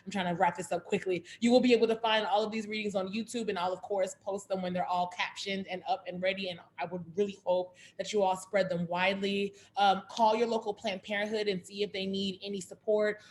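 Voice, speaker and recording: A woman's voice: mid-range voice, little pitch movement, brisk, few pauses, a little hiss or hum. Effusive woman hosting an online reading. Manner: effusive, warm thanks and rambling asides. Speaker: host of an online reading series. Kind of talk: casual event closing remarks.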